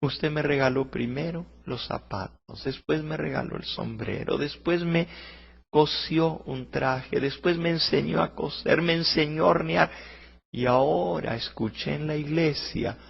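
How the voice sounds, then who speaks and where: A man voicing a poor young girl who pleads through sobs in a high, strained voice. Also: vocal fry, breathy edge. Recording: muffled lo-fi recording.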